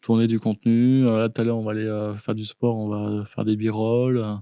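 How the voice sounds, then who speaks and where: A man's voice: lowish voice, little pitch movement, a little fast, mellow, clean tone, dry recording. A man co-hosting a podcast in casual chat, upbeat and encouraging, full of tag words. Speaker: podcast co-host. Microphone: studio podcast mic. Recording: dry close podcast studio sound.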